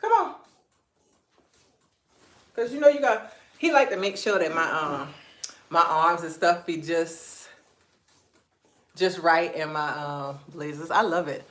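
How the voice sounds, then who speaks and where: A woman with a Gullah Geechee accent, hosting a casual live-stream fashion chat at home and teasing her husband between points. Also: low-pitched. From Beaufort, South Carolina, USA. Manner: animated, chatty, teasing asides to her husband. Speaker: clothing brand owner hosting a live stream. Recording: echoey room.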